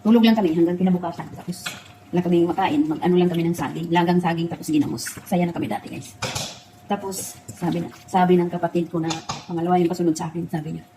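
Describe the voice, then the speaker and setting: A woman's voice: on the low side, fairly even intonation, fast, noisy background. A middle-aged woman chatting with her viewers while she cooks. She tells stories from her past, laughing and tearing up as she talks. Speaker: cooking vlogger. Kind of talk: casual cooking chat and personal storytelling.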